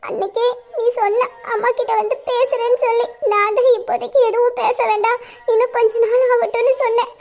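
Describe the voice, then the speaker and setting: Woman doing a teary young girl in love, high voice, all choked up, audio drama. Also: vocal fry. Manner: pleading, tearful, voice breaking.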